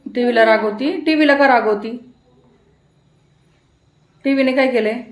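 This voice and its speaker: A young mother at home coaxes her toddler in high baby talk, asking question after question and gently scolding. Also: moderate pace, roomy sound. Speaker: mother and vlog host.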